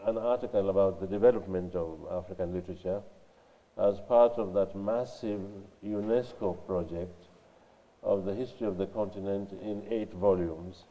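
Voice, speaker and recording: Older man, deep nasal voice from a cold. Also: steady tone, mellow. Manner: measured, many uh fillers. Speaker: interviewed scholar and writer. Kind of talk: recorded library interview. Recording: dull sound with long reverb in a hall.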